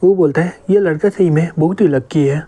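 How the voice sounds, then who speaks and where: Mellow-voiced man narrating a manga. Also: fairly high pitch, brisk, husky. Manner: reads every character's lines in his own voice. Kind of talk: storytelling narration voicing all characters.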